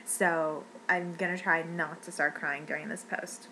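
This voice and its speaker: A woman's voice: deep voice, fairly even intonation, measured pace, bright, forceful tone, a little hiss or hum, rough recording. A woman ranting in an upset, rambling way, near tears and often restarting her sentences. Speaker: fan vlogger. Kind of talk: emotional rant.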